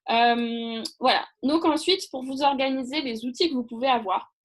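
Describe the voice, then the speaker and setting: Brief: chatty woman trainer, slightly high voice, rambles with fillers, live video call. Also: moderate pace. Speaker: online training presenter. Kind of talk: casual live training talk.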